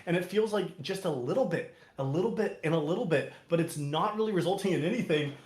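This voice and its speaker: A man's voice: a little high, fast talker, darkish tone, reverberant. A man giving analytical esports color commentary, critiquing team decisions. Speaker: esports caster.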